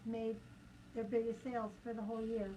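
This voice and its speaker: A woman guest on a radio show, talking through her craft at an unhurried pace. Her voice sits fairly high for a woman, with a faint hiss in the background. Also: level tone, warm tone, poor audio. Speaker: fiber artist and tour organizer.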